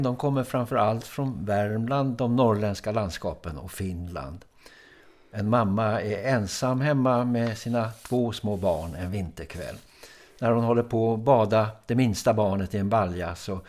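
A man, a folklorist co-hosting a podcast, explains in a measured, scholarly way with small hesitations. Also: fairly low pitch, darkish tone. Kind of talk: explaining, expert commentary.

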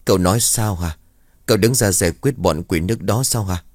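A man's voice: low-pitched, a little fast, darkish tone, no echo, studio quality. A man voicing an anxious elderly village chief who speaks earnestly and implores for help. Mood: worried.

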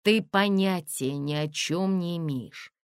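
A woman's voice: on the low side, slow pace, smooth, no echo, studio quality. A woman reading an audiobook and voicing a weary, guarded young woman who mutters her lines.

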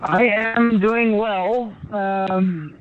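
A man speaking over a satellite phone line with delay, an ocean rower being interviewed from his boat, talking in a halting way with many fillers and restarts. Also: sits high, steady tone, a little hiss or hum. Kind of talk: remote interview guest. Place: small rowing boat out at sea. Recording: tinny satellite phone line relayed through a video call.

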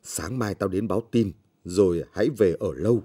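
A man's voice: deep voice, moderate pace, warm tone, slightly rough. A man reading the lines of a poor peasant husband, a grieving father, in a weary, subdued way.

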